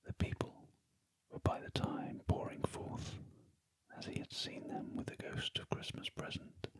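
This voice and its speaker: Slow, gentle whispering British man. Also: extremely high pitch, dry recording, poor audio. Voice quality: very soft, breathy unvoiced whisper. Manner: gentle, slow, deliberate whispering close to the ear. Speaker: storyteller reading an audiobook for ASMR. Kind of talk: whispered ASMR story reading. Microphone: close ASMR microphone, ear to ear.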